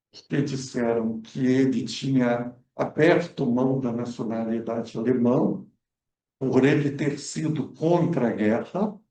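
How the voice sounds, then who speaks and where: At a cultural center event room, a male guest researcher explains history during a film club debate, stalling on fillers and restarting often. His voice is mid-range and warm, and the room echoes with the mic well away from him.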